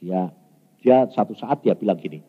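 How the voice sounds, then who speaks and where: Animated Javanese-accented male preacher, husky. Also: fairly low pitch, moderate pace. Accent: Javanese-tinged Indonesian. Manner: animated, acts out dialogue in changing voices. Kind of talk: sermon with storytelling. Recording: dull, echoey church hall recording.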